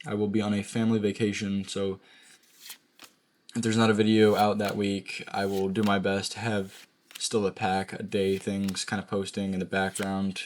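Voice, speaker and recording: A man hosting a card pack-opening video, chatting casually to camera with lots of fillers and self-corrections, his voice going a little hoarse. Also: lowish voice, completely flat delivery, normal speed, a little hiss or hum.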